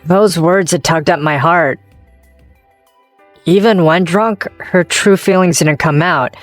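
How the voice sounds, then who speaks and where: Wistful and wry, a woman voicing a young male office worker and former boyfriend narrates and speaks in character for a manga dub, introspective and self-deprecating. She talks slowly in a lowish voice, with no room sound and faint music behind.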